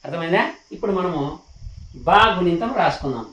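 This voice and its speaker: Patient man teaching letter sounds, high voice. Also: lively intonation, brisk, a bit bright, far from the mic. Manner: patient, repeats sounds syllable by syllable. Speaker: Telugu teacher. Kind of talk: slow spoken lesson for children. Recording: echoey room, slightly off the mic.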